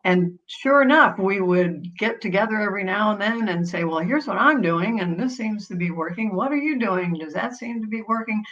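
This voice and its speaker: Female guest, mid-pitched, hesitant and thoughtful, dull lo-fi audio. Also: animated, normal speed, hardly any pauses, fairly bright tone. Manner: thoughtful, hesitant, with small restarts. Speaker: guest, patterns author. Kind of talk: conversational interview answer.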